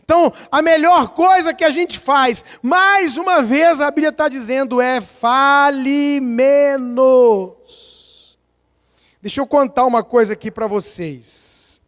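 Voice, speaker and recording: A Brazilian pastor preaches in an unusually high voice for a man, with a Brazilian Portuguese accent. He tells lively stories, acts out small scenes and counts aloud to drive home his point. His words ring out into a long church reverb. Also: normal speed, few pauses. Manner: animated storytelling, acting out scenes and counting aloud. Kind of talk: sermon. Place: church sanctuary.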